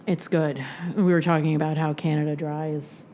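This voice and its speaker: Female podcast host, loose and chatty, slightly low voice, light background hiss. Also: little pitch movement, moderate pace, warm tone. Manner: chatty, laughing, heavy on fillers. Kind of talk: casual podcast chat.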